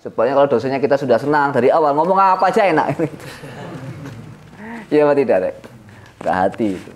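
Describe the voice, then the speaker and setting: A man with an East Javanese accent leading an informal religious lesson for boarding school students, telling stories in a lively way with sudden jumps in pitch and chuckles. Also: fast. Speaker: Islamic boarding school leader teaching a classical text.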